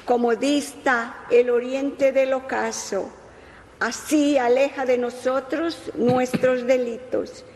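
A woman's voice: sits high, fairly even intonation, slow pace, a little mellow. A woman reciting a responsorial psalm solemnly at Mass, with cathedral echo around her voice. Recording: church hall with long reverb.

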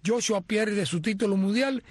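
Husky, high-voiced male sports reporter. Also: moderate pace, dry recording. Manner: reads a prepared sports report. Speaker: sports commentator. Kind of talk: sports news segment.

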